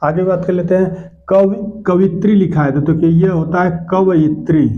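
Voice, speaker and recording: Man teaching spelling, slow and repetitive. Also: sits high, fairly even intonation. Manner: explains step by step, repeats each correct word slowly. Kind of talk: spelling lesson lecture. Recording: dull lo-fi recording.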